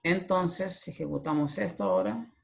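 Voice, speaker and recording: A man's voice: a little high, expressive, normal speed, gravelly. A male programming lecturer with a Chilean accent, explaining step by step and checking in with a frequent "¿ya?". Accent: Chilean Spanish. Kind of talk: recorded screen-share class.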